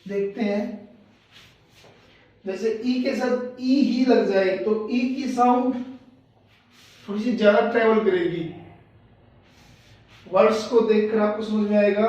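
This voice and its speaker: A woman's voice: medium pitch, dark tone. A woman teaching English pronunciation, spelling each word letter by letter before saying it. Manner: spells words letter by letter, then says them slowly. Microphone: far from the mic. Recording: distant, echoey, dull room sound.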